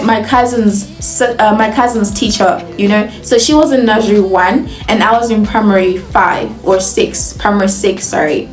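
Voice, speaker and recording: This young Nigerian vlogger, speaking with a Nigerian accent in a mid-range voice, recounts a casual story in a roomy-sounding space. She's chatty and animated, laughing frequently and saying "like" a lot.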